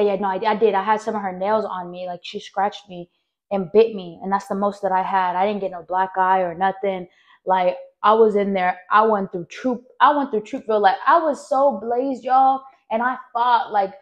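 A woman's voice: mid-range voice, muffled recording. Young woman rambling through a story. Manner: rambling, animated, many fillers, talks straight to listeners. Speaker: podcast host. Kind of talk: casual personal storytelling.

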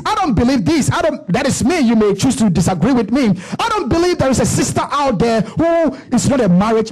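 A pastor in his thirties preaching a sermon on a church stage into a handheld mic, building to shouts with rhythmic repetition. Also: very high voice, slightly rough. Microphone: handheld microphone.

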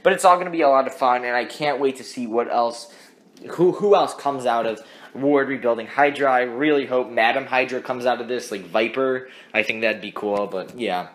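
A man's voice: medium pitch, normal speed, fairly bright tone. A young man hosting a casual TV episode review, rambling with many restarts and fillers. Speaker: host of a TV review channel.

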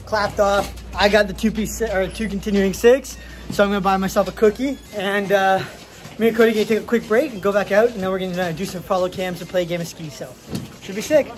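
High-pitched, fairly even in intonation and quick-paced, a young adult man talks as vlog host and skier. His outdoor chat and commentary on the ski hill is casual, slangy and joking. He's captured on a phone outdoors with noisy wind.

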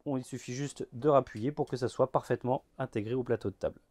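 A man in his thirties gives a guided tour inside a motorhome at a trade fair, talking in a measured way with frequent filler words. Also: medium pitch, steady tone, darkish tone. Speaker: motorhome show presenter. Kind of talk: guided vehicle walkthrough.

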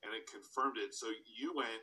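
A man's voice: mid-range voice, moderate pace, background noise. A man politely interrupting a class, apologetic and eager.

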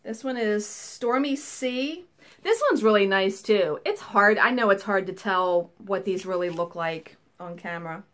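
A woman's voice: medium pitch, measured pace, a bit bright. Chatty woman showing off a craft haul. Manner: chatty, enthusiastic, rambling asides. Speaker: cross-stitch vlogger. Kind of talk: casual show-and-tell haul. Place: small home craft room, indoors.

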